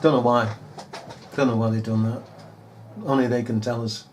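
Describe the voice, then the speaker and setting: A man's voice: medium pitch, level tone, moderate pace, slight background noise. A man giving a casual, sarcastic commentary over news footage, mocking and often laughing. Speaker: video commentator.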